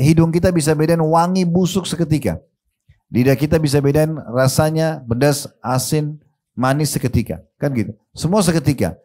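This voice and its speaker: A man's voice: mid-range voice, warm tone. A man preaching a sermon, reciting Arabic verses and talking straight to his listeners. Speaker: Islamic preacher. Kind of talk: sermon to a seated congregation.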